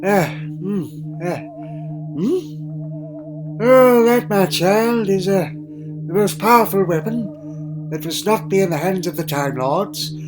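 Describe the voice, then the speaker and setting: A man's voice: high voice, expressive, slow, pauses often, rough recording. A man playing a crotchety, secretive old alien grandfather in a fan audio drama, with hesitant muttering, hums and pompous phrasing. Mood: musing, explaining. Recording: music laid under the voice.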